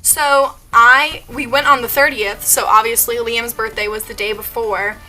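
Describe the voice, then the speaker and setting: A woman's voice: fairly high pitch, fairly even intonation, normal speed, bright, forceful tone, faint music behind. A young woman telling a story in a casual vlog, gushing and giggly, with lots of "like" and restarts. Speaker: vlogger.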